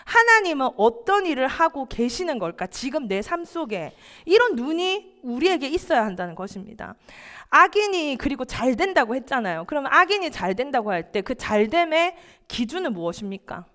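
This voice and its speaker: Casting: young female preacher, high voice, lively animated delivery, sermon. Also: normal speed, few pauses. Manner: questions the listeners, acts out family quotes. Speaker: youth ministry preacher.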